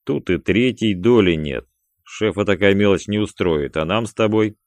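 A man's voice: on the low side, normal speed, dry recording, voice pushed up, close to an everyday voice. Man doing a cool, curt gangster. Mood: scheming. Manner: dry, curt, mocking, snapping when angry. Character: cool, calculating male gangster boss of the pair.

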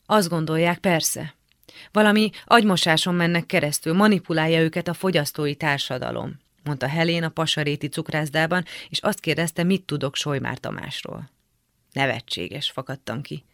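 Woman with a gravelly voice reading a memoir. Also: sits low, no echo, studio quality. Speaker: reader of a memoir excerpt. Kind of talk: literary reading on radio.

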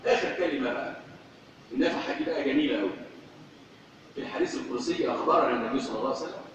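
A man's voice: medium pitch, animated, racing, background noise. A man preaching with an Egyptian accent in a fervent, repetitive sermon style, addressing his congregation. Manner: fervent, repeating phrases for emphasis. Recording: echoey hall, distant, dull.

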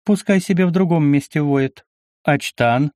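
A narrator puts on a merry, half-drunk older nobleman from a storybook, loud and teasing, his voice pushed higher than the reader's own. He is recorded close and dry, with no room sound. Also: measured pace, dry recording, lightly acted. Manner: boisterous, teasing, sentimental when drunk. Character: tipsy jovial older nobleman, boisterous father.

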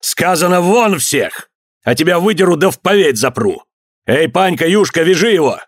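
A man's voice: mid-range voice, big pitch swings, measured pace, no room sound, studio quality, exaggerated voice. A wrathful, domineering old merchant father, as a male narrator puts him on. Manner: loud, gruff, mocking commands.

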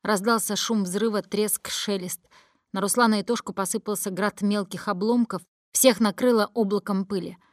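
A woman's voice: medium pitch, fairly even intonation, normal speed, dry recording. A woman reads a first-person audiobook in a tense, dramatic way. Her voice sits in a middle range. The recording is close and dry, with no room sound. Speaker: audiobook narrator.

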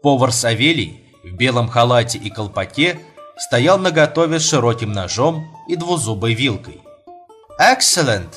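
Guy narrating a story, lively voice swinging up and down, soft mandolin behind. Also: mid-range voice, moderate pace. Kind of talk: audiobook reading. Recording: faint mandolin music behind.

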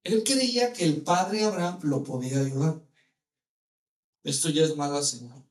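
A man preaching a sermon, lively, with many rhetorical questions to his listeners. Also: a little high, unhurried, echoey room.

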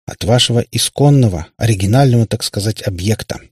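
A man's voice: on the low side, brisk, darkish tone, slightly rough, dry recording, clean studio sound. A man voicing a sad warlock father who rambles in pompous explanations. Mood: lecturing. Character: male warlock father, sad and long-winded.

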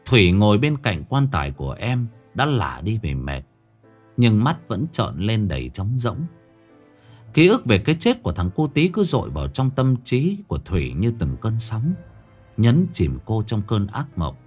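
Lively male ghost story narrator. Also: fairly low pitch, moderate pace, faint music behind.

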